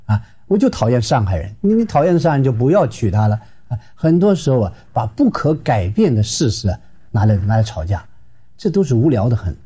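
A man from Shenyang, a marriage counselor giving an advice lecture in a lively, emphatic way. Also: medium pitch, brisk, husky. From Shenyang, Northeast China. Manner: lively and emphatic, acting out quarrels.

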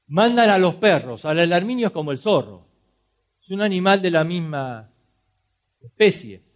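A man preaching a sermon in a Rioplatense Spanish accent, talking straight to his listeners and acting out little scenes. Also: high voice. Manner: animated, acts out boxers and referee, direct address to congregation.

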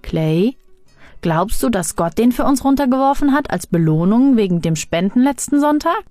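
A woman's voice: mid-range voice, lively intonation, moderate pace, mellow, no echo, soft background music, close to an everyday voice. A woman voicing an earnest young boy. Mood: amazed. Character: eager, caring young boy.

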